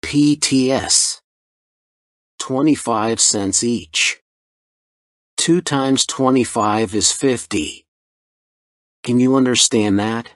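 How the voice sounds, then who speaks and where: A man voicing a furious, pompous middle-aged customer in a storybook reading, shouting indignantly. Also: mid-range voice, slow pace, long pauses, dry recording, studio quality. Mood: outraged.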